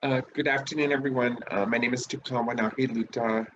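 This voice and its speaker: A man from northeast South Dakota speaking as a panelist, earnest and deliberate. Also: mid-range voice, steady tone, highs cut off, noisy background. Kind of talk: panel discussion.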